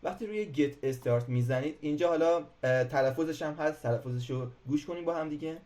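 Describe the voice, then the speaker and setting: A man's voice: fairly high pitch, a little mellow. A man teaching programming in a casual screen-recorded tutorial, talking hesitantly with many filler sounds and restarts. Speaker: programming instructor.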